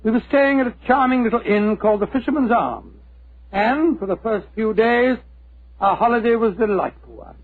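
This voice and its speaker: An actor playing a genial older British doctor, a chatty, courteous, slightly fussy storyteller in a 1940s radio drama. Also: male voice, sits high, animated, normal speed. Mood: genial, reminiscing. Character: genial older doctor, detective's loyal old friend. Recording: tinny, lo-fi 1940s radio recording.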